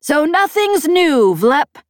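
Woman doing a theatrical pirate matriarch, shrill, high, loud, scornful, storybook, dry booth. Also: big pitch swings, slow pace, no echo, exaggerated voice. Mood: mocking.

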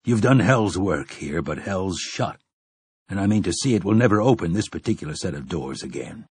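Grim weathered gunslinger, read by a man: low, husky, slow and clipped, every word an order. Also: lively intonation, a little mellow, no echo, heavily acted. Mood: stern.

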